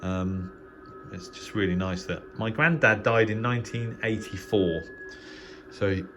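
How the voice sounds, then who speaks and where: Over music, a middle-aged English channel host with a voice on the low side rambles at a measured pace. He's a shortwave hobbyist giving an unscripted, hesitant tour of the radio shack in his small spare bedroom, and the home recording is clearly noisy.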